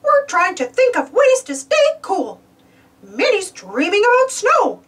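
A woman's voice: extremely high pitch, huge pitch swings, unhurried, fairly bright tone, recorded from a distance, full character voice. A woman voicing a small, eager, cheerful male cartoon mouse for a children's storybook, upbeat and exclamatory.

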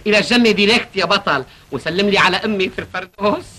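A greedy hanger-on from a classic film comedy. He speaks in a quick, bright voice, his grief plainly put on. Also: high-pitched, a little hiss or hum. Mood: mock-mourning. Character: greedy male hanger-on, eyeing a dead man's clothes.

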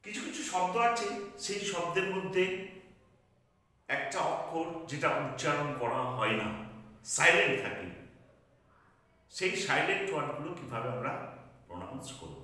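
A man with a Bengali accent teaching English pronunciation, drilling single words one at a time and repeating each one slowly. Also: fairly high pitch, lively intonation, sharp tone. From India. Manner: switches between English and Bengali explanations. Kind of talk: pronunciation lesson. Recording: echoey room, mic at a distance.

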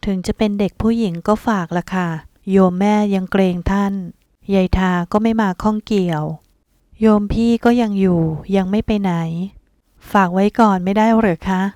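A woman's voice: mid-range voice, steady tone, normal speed, mellow, dry recording, lightly acted. A woman reading an audiobook, voicing a polite, earnest woman worried about her adopted daughter. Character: devoted mother figure, polite and worried.

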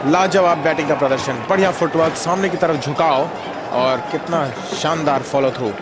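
Male cricket commentator with a high, excited delivery, heard over heavy crowd roar and broadcast noise. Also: normal speed. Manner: excited play-by-play, praising shots. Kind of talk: Hindi sports commentary. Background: cheering stadium crowd.

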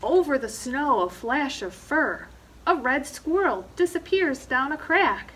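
A middle-aged woman, a librarian doing storytime, reads a children's picture book aloud while seated in an indoor library reading corner. Her voice sits high and sounds animated and fairly bright, her pace is unhurried, and she puts dramatic emphasis on the action words. The recording quality is low.

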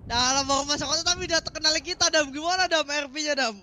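Bright, high-voiced, crude-talking man. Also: quick pace, a little hiss or hum. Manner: crude, swears a lot. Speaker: game roleplayer. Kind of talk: casual roleplay banter.

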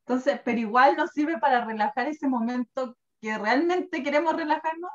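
A woman in her thirties with a Chilean Spanish accent, chatting casually as a guest who presents wellness products. She talks in an animated, chatty way and laughs often. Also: high voice, moderate pace. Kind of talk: casual chat. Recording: dull lo-fi recording.

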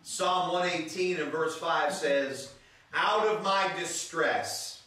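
Male pastor, sermon; bright, unhurried delivery, reads scripture and calls out to the congregation; booming room echo, distant mic. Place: church sanctuary. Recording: echoey church room, voice from a distance.

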